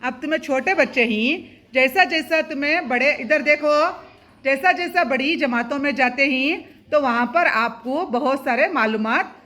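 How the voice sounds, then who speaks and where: A woman's voice: high voice, bright, forceful tone. A woman schoolteacher gives a classroom lesson to young pupils. She keeps asking questions, has the class repeat terms back, and mixes English terms into her speech.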